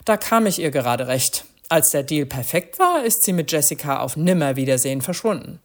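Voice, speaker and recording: A woman voicing a guilty, meek man who talks sheepishly in a thin, hushed voice, read as a storybook character. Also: low voice, very animated, a little fast. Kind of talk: storybook reading.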